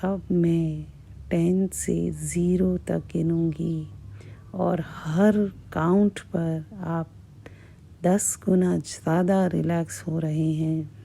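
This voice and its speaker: A woman hypnotist guiding a relaxation in a hushed, breathy, measured voice, repeating soothing phrases with long pauses. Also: fairly low pitch, steady tone. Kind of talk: slow, soothing guided hypnosis.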